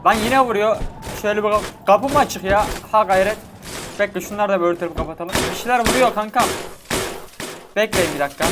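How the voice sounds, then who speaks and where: A man giving chatty, excitable let's-play commentary to his viewers. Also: sits high. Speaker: gaming YouTuber. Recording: game audio and vehicle noise behind.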